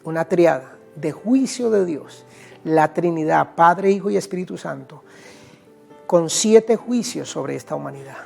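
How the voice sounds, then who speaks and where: Gravelly-voiced Colombian pastor preaching. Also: male voice, on the high side, animated, unhurried, darkish tone, soft background music. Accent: Colombian Spanish. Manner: emphatic preaching, addresses listeners directly, reads scripture aloud. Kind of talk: evangelistic sermon.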